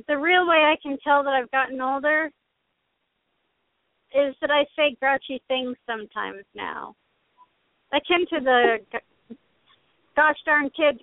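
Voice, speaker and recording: High-voiced woman on a tinny line. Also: dry recording. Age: 30s. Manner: chatty, rambling with restarts. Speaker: podcast co-host. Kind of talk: casual chat.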